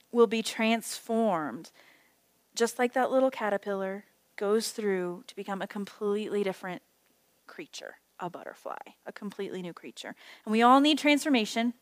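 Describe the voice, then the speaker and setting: A woman's voice: medium pitch, unhurried. A middle-aged woman leads a small group Bible study in a casual, chatty voice. She drifts into stories and self-deprecating side remarks. The sound is dry and close, with no room echo. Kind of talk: casual teaching talk. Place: small indoor group meeting.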